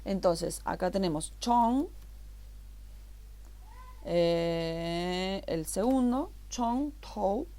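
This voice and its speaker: A woman teacher leads a recorded online class at an unhurried, very slow pace. Her voice sits at an ordinary middle pitch. She explains patiently, going over each word step by step. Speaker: Chinese language teacher.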